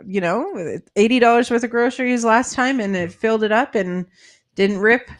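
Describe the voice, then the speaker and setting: A woman chatting casually on a talk show, talkative and quick to laugh. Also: on the high side. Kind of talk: casual chat.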